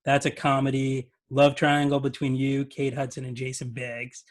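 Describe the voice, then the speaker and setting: A man's voice: mid-range voice, completely flat delivery, moderate pace. A male podcast host interviewing a guest casually, mostly giving short affirmations.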